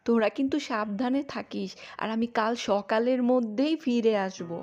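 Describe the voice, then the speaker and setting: A woman's voice: a little high, normal speed, a little mellow, soft background music, natural voice. A woman playing a worried, fussing old village grandparent in a fairy-tale audio drama, with a fretful, affectionate manner. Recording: slightly dull, lo-fi audio.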